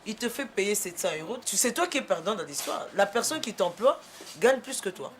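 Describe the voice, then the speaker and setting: Interviewee, calm and explanatory, with faint noise in the background. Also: medium pitch, brisk. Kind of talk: casual interview.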